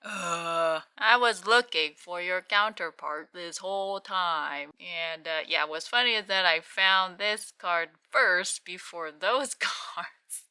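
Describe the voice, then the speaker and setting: A woman giving casual, unscripted commentary as a card-opening host, moving between quiet murmurs and louder exclamations. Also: lowish voice, slow, hardly any pauses, smooth, no room sound.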